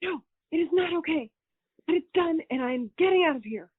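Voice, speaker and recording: A woman's voice: extremely high pitch, lively intonation, brisk. A woman playing a curt, impatient burglar reporting over a muffled phone line in an audio drama. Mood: alarmed, impatient.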